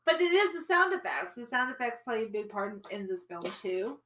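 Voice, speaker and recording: A woman co-hosting a podcast in relaxed casual chat, trailing off with fillers. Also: on the high side, moderate pace, echoey room. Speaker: podcast co-host.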